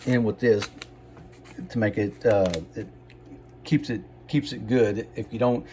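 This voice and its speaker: Guy with a lowish voice doing a homey cooking vid, unhurried n halting, bit of noise behind him. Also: fairly even intonation. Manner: halting, unhurried, folksy explaining. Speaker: home cook presenting a recipe. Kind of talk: casual cooking demonstration.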